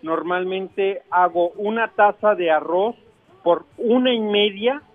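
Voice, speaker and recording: A man with a Mexican accent, a chef on radio, explaining and chatting casually in a halting way. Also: high-pitched, dry recording, phone-quality sound. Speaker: chef giving radio cooking tips.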